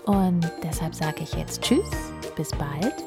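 A woman reading a children's Christmas story aloud as storyteller, calm and gentle. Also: deep voice, slow pace, vocal fry, over loud music.

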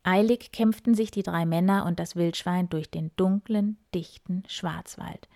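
A woman storyteller reading a children's tale aloud. She reads in a lively, expressive way, sometimes dropping low and soft.

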